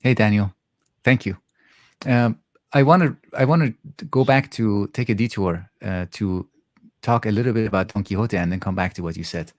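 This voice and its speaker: A man speaking reflectively in a conversational interview, halting often as he thoughtfully searches for words. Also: fairly low pitch, dry recording, clean studio sound.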